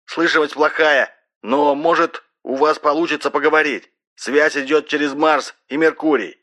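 A man reading an audiobook, voicing a male radio operator who shouts over a bad line. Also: fairly high pitch, fairly even intonation, moderate pace, pitched above the performer's own voice. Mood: urgent.

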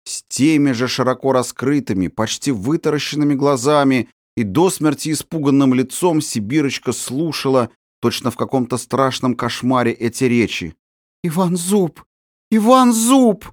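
A man reading a story aloud as audiobook narrator, expressive and acting out the tension of the scenes. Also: medium pitch, moderate pace, hardly any pauses, no room sound, clean studio sound. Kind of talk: scripted narration.

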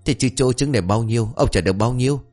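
A man voicing a shrill, exasperated village wife who scolds her husband. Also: fast, darkish tone, soft background music, lightly acted. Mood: scolding.

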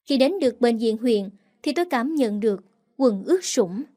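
A woman's voice: a little high, lively intonation, moderate pace, dark tone. A woman narrating a dramatic first-person story aloud, reading with emotion.

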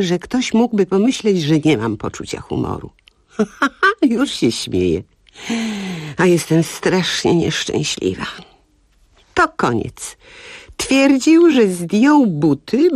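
Aktorka grająca porzuconą kobietę, która z ironią i gorzkim śmiechem opowiada o swoim upokorzeniu. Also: female voice, on the low side, a little mellow, no room sound, clean studio sound, heavily acted. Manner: wry, rueful, bursts of bitter laughter. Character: jilted woman laughing through her misery. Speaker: cabaret actress. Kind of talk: comic radio monologue.

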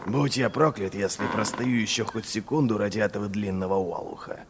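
A man doing a gravelly, bitter crippled inquisitor. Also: on the low side, brisk, long reverb tail, background noise. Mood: sardonic. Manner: snarling, sarcastic. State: in pain. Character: bitter, sardonic crippled middle-aged male inquisitor.

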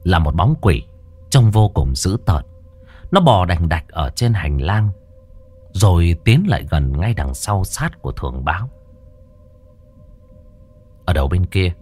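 Male ghost-story narrator with a low, animated delivery over soft music. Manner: lively dramatic storytelling.

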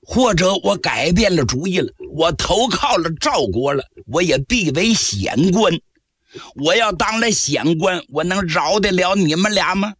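A man voicing a cunning captured general who pleads and bargains in a low, wheedling voice, in traditional storytelling. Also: lively intonation, unhurried, a bit bright, breathy edge, no room sound, exaggerated voice. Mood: menacing. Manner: low, wheedling, slyly persuasive. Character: captured male enemy general, cunning, pleading then menacing.

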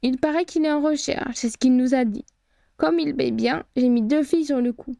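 Brief: a cunning female harpy boss, gravelly and clipped, menace in every word; a woman narrator puts her on. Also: high-pitched, moderate pace, mellow, dry recording, studio quality. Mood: blunt.

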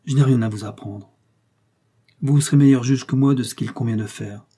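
A man's voice: medium pitch, normal speed, dark tone, breathy edge. A man voicing an earnest, devoted young woman who pleads humbly and bravely. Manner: pleading, emotional.

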